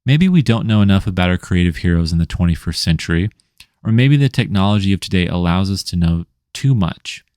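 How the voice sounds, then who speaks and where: A man reading his own scripted video essay in a measured, rhetorical way, stacking lists and questions. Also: deep voice, animated, darkish tone, no echo, clean studio sound. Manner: measured, rhetorical, list-like delivery. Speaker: indie comics writer and channel host.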